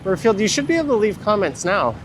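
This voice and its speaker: His high, very animated voice moves quickly as he livestreams casual, opinionated commentary on foot. He's sniffling in the winter cold on a city street, with clear traffic and urban noise around him.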